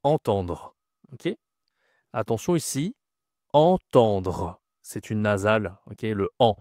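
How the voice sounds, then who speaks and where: Slow, careful male French teacher. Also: on the low side, animated, no echo, clean studio sound. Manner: slow, repeats each word carefully, checks in with "ok?" and "d'accord?". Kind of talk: vocabulary lesson to camera.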